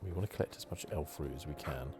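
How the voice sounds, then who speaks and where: A gaming channel host narrates an ASMR video game playthrough in a very deep, hushed voice. He talks fast yet softly, often drifting down into whispers.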